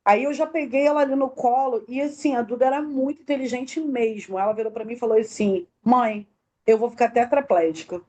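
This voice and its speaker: Woman, soft mellow voice. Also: fairly high pitch, brisk. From Brazil. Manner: tells the story in detail, acting out quoted dialogue. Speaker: interview guest, bereaved mother. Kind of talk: emotional personal testimony.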